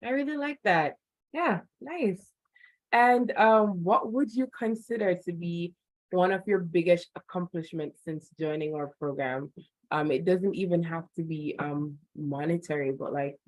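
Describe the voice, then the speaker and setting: An encouraging woman hosts a video call interview, her voice sitting fairly low. The sound is dry and close, with no room around it, and she asks long, winding questions. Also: moderate pace, no echo, rough recording.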